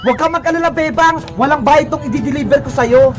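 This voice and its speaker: A woman's voice: sits high, brisk, voice pushed down, close to an everyday voice. A woman voicing a friendly grown male delivery rider, who talks in a patient, reassuring way. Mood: kindly. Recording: background music.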